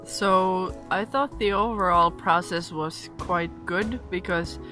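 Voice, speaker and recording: Low-voiced Finnish woman, music behind. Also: slow pace. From Finland, Lapland. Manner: hesitant, thoughtful, with fillers. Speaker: textile designer and entrepreneur. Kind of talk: interview testimonial.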